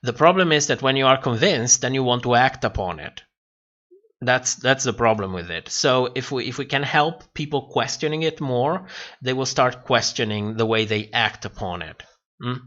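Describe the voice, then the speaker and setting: The livestream host here has a medium-pitched, animated, fairly bright voice and moves at a moderate pace. He rambles as he responds to viewer comments, repeating phrases while thinking aloud. The highs are cut off.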